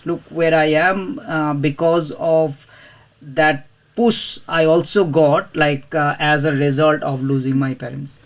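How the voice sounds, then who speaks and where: A man's voice: on the high side, steady tone, takes it slowly. Hesitant Indian-born man in an interview. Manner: hesitant, many fillers and restarts. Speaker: podcast guest, property investor. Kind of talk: casual interview talk.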